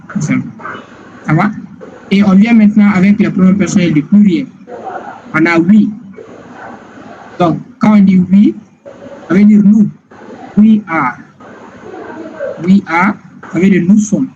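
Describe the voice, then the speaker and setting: A man teaching English grammar in a slow, repetitive classroom style, often checking whether listeners follow. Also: high-pitched, a little mellow. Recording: dull lo-fi sound with clear background noise.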